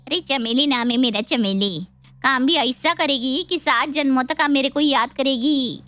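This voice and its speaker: A woman voices a brash cartoon housemaid with speech, blunt and bossy. Her voice sits high. It is dry and close, with soft music behind. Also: a little slow, dry recording. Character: brash, touchy housemaid woman demanding respect. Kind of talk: cartoon voice acting.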